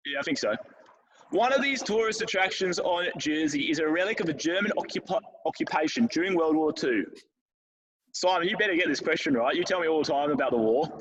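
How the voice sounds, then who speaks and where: A man's voice: a little high, lively intonation, fairly quick, fairly bright tone, husky, highs cut off. A man hosting a casual podcast quiz, reading out questions and teasing his co-hosts. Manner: playful, teasing, reads questions aloud. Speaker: quiz host.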